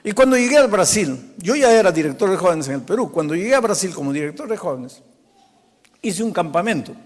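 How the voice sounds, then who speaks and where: A male pastor telling a story in a sermon. He acts out the people he quotes and falls to a soft, hushed voice at tender moments. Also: high voice, animated, brisk. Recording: long hall reverb.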